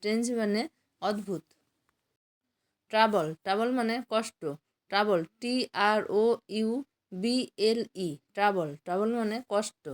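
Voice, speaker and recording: A woman teaching English vocabulary as a slow drill, repeating each word, spelling it letter by letter and giving its meaning. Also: medium pitch, fairly even intonation.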